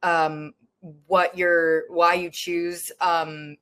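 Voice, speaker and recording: A woman's voice: lowish voice, little pitch movement, very slow, fairly bright tone. A woman hosting a casual interview, upbeat and affirming, asking follow-up questions. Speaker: interview host.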